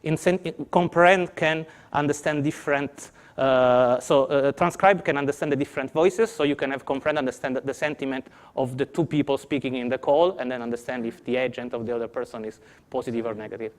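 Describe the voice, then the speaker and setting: A man's voice: mid-range voice, fairly even intonation, brisk. A man with an Italian accent answering audience questions as a conference presenter, explaining patiently with some restarts. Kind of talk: technical Q&A answers.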